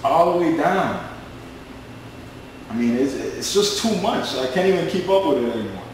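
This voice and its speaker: A man in his twenties giving a screen-recorded sales pitch, pushy and boastful, repeating himself a lot. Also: lively intonation, moderate pace, echoey room, slight background noise, rough recording. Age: 20s. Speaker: network marketing recruiter.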